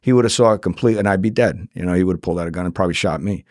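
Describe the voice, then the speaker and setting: Racing through his stories, this middle-aged podcast guest, once an undercover agent, speaks in a low, darkish voice, acting out dialogue and cursing freely. The sound is clean studio audio with no room sound.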